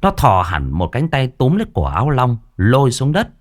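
Lively storyteller, man. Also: mid-range voice, moderate pace. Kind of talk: scripted horror story narration.

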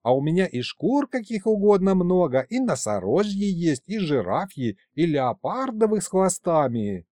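A man's voice: high-pitched, sing-song, normal speed, hardly any pauses, mellow, dry recording, studio quality, voice pushed up. A man voicing a young female kikimora who chatters eagerly and boasts. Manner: rattling, eager.

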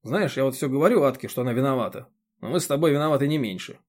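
Male narrator, steady and even, audiobook reading. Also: mid-range voice, racing. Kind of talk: scripted narration.

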